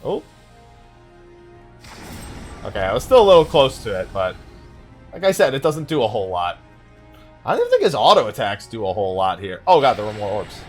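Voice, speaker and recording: Over game music, a male streamer gives casual let's play commentary, half talking to himself as he plays. His voice is on the low side with huge pitch swings, and he talks fairly quickly while pausing often.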